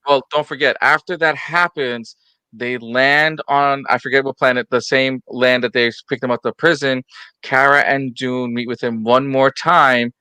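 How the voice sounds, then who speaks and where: A man's voice: medium pitch, steady tone, normal speed, sharp tone, clean tone, dry recording. A man hosting a casual pop culture podcast panel, steering the talk and calling on each guest by name. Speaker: podcast host.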